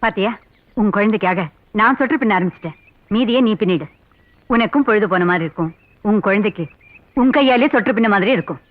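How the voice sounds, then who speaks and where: A woman's voice: mid-range voice, lively intonation, fast talker, long pauses, close to an everyday voice. An actress playing a strict, bossy landlady in a comic film, with a tinny, dry soundtrack. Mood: kindly. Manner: bossy, commanding.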